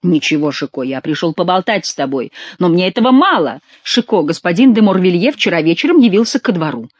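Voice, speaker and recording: A sleepless, fretful king who pleads and presses for answers, read by a woman narrator. The voice sits on the low side. It is recorded close and dry. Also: very animated, brisk, dry recording. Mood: plaintive. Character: weary anxious French king, man.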